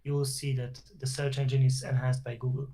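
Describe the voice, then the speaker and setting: A man from Poland, an SEO professional, speaks with a Polish accent as a guest on an online interview over a video call, explaining at length with fillers and restarts. His mid-range voice is warm in tone, flat in delivery, and fairly quick.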